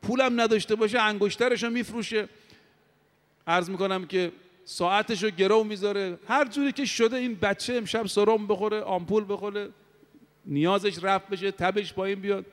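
A man preaching a sermon to a congregation, who slows down to draw out Arabic quotations. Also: high voice. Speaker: cleric preacher. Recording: long hall reverb.

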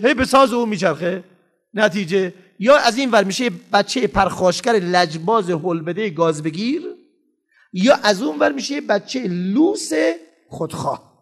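A man with a high voice delivers a parenting lecture. His pitch swings widely as he makes his points emphatically and acts out parents and children. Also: fairly bright tone. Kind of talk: lively lecture to an audience.

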